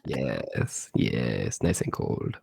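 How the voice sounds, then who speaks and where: A man's voice: very deep voice, sing-song, drawn-out words, gravelly, a little mellow, breathy edge, dry recording. A man co-hosting a casual podcast chat with his wife, dry and sarcastic, his voice breaking up over a bad connection. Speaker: podcast co-host.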